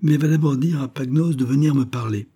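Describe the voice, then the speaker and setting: A man voicing a kind, patient father in an audiobook, speaking calmly with a gently teasing tone. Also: medium pitch, a little fast, slightly rough, pitched above the performer's own voice, natural voice. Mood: gently amused.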